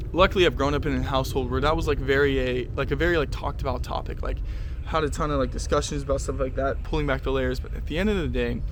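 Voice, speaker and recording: A man's voice: medium pitch, background noise. A young man vlogging a casual motivational monologue, rambling with lots of fillers, restarts and swearing.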